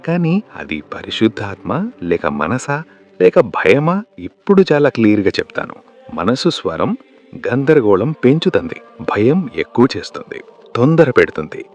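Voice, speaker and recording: Earnest preacher man, lively pitch. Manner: earnest, addresses the listener directly. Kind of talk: devotional sermon narration.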